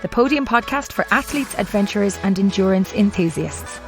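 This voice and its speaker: A woman's voice: mid-range voice, animated, normal speed, soft background music. A woman with an Irish accent, presenting and interviewing as a podcast host. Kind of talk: scripted introduction and interviewing.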